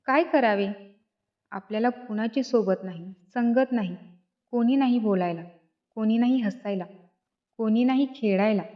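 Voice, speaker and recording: A woman voicing a kindly, welcoming old male mountain in a children's storybook reading, gently told, on a dull lo-fi recording. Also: fairly high pitch, moderate pace, long pauses, natural voice. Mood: lonely.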